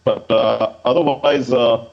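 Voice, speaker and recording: A man's voice: medium pitch, fairly even intonation, slow, gravelly, dull audio. Man on a glitching, distorting remote feed. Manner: hesitant, many fillers. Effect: glitching, distorting audio feed. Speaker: news correspondent. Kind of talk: live remote news interview. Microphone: remote link.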